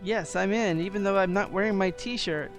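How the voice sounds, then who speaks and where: A woman's voice: medium pitch, normal speed. A woman hosting a let's play, giving casual, rambling gameplay commentary. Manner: rambling, chatty. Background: game music.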